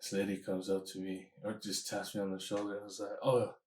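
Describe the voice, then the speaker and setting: Male podcast host, slightly low voice, relaxed laughing storyteller, echoey room. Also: fairly quick. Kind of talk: casual chat.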